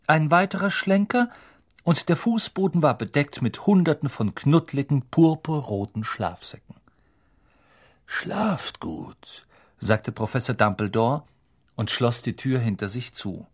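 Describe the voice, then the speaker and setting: A man narrating a storybook in a steady manner and voicing many characters himself. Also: on the high side, moderate pace. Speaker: audiobook narrator.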